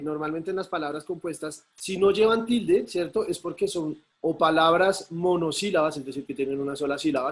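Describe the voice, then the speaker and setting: A male teacher, patiently explaining a lesson over a video call and often checking in with his students. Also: fairly high pitch. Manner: patient, checks in with frequent tag questions. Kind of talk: online class explanation.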